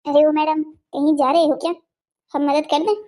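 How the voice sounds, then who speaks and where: A woman's voice: sits high, flat delivery, moderate pace, mellow, natural voice. A woman voicing a swaggering male kidnapper with a sword in a cartoon story, talking in taunting, sneering threats.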